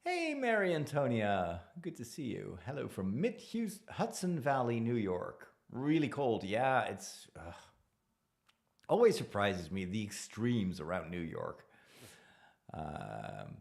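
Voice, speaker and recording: A man's voice: medium pitch, darkish tone. A middle-aged man, a priest hosting a live stream, chatting casually with viewers in a self-deprecating way and laughing easily.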